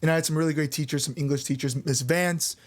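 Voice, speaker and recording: A young man in a relaxed podcast chat, speaking a little higher than most men. He tells stories candidly, with plenty of "like" and frequent swearing. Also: fast talker. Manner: loose and candid, swears freely, lots of "like". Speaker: band frontman and podcast co-host. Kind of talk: casual storytelling on a podcast.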